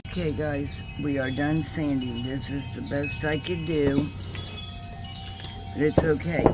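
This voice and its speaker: A woman's voice: sits low, steady tone, measured pace. A woman narrating a casual DIY craft tutorial outdoors, chatting to her viewers, with wind chimes in the background. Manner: chatty, addresses viewers as you guys. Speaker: DIY craft video host. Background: wind chimes, music.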